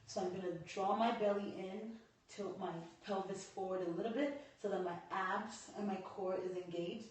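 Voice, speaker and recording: Leading a livestreamed yoga session, a hoarse woman with a cold narrates each pose while showing it and breaks off to greet viewers. Her voice is mid-range and darkish, with fairly even intonation and normal speed. Echo fills the room, since the camera sits well across from her.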